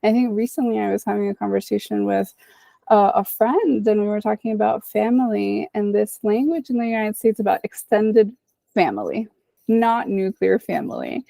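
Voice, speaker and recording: A woman's voice: medium pitch, normal speed, vocal fry, mellow, dry recording. A woman in her thirties from the Republic, speaking reflectively as a guest psychologist in a podcast interview. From Dominican Republic. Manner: reflective, often adds "right?" and "you know".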